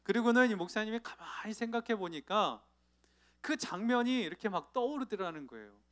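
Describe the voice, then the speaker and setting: A male pastor preaching to a youth congregation in church, telling stories with lively acted-out voices and asking his listeners questions. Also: high-pitched, brisk. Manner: lively storytelling, acting out the people in his anecdotes; asks the audience questions directly. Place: church sanctuary.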